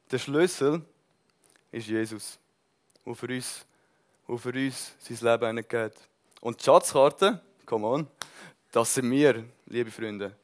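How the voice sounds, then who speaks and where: A man preaching a sermon with passion, swinging between loud bursts and soft, earnest lines, and mixing in English words. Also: mid-range voice.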